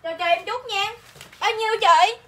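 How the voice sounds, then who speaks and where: A woman with a Southern Vietnamese accent sells clothes on a livestream, chatting and repeating each line to coax viewers. Her voice is very high-pitched at a moderate pace, with a little hiss or hum in the background.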